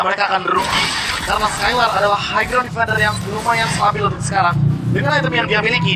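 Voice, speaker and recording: Fast, high-pitched male esports analyst. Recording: very noisy live event sound.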